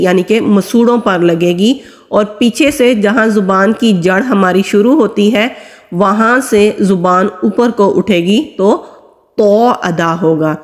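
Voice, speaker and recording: A woman teaching Quran reading, patiently explaining how each letter is pronounced and drawing out the sounds as she recites them. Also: mid-range voice. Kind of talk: step-by-step recitation lesson. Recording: long hall reverb.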